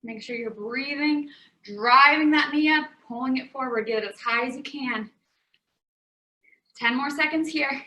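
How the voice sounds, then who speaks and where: A woman's voice: high-pitched, measured pace, bright, forceful tone, dull audio. A young woman leading a home workout class, cheerfully coaching moves and counting down while slightly out of breath. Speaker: fitness instructor. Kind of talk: guided workout instruction. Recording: echoey room.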